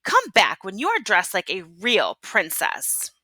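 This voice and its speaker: A woman voicing a haughty, ungrateful young storybook prince in a measured, scolding manner. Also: mid-range voice, wildly swooping pitch, bright, forceful tone, no echo, full character voice. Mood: disdainful.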